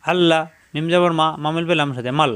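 A man teaching Quran reading, spelling each syllable slowly and then chanting the verse in a raised voice. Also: on the high side, fairly bright tone, clear, resonant tone. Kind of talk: spelling-out recitation lesson.

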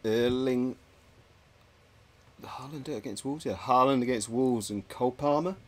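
Male quiz contestant, ordinary mid pitch, hesitant, thinks out loud. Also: moderate pace. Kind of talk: casual podcast chat.

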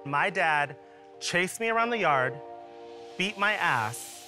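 A man's voice: high voice, lively intonation, takes it slowly, pushed and bright, faint music behind. A man with a campy, theatrical, sassy drag queen manner, hosting a staged panel chat. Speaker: panel host.

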